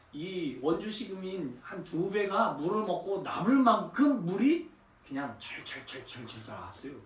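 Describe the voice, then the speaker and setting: A male pastor giving a conversational sermon, often asking the congregation rhetorical questions. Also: on the high side. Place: church sanctuary. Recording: echoey church, distant from mic.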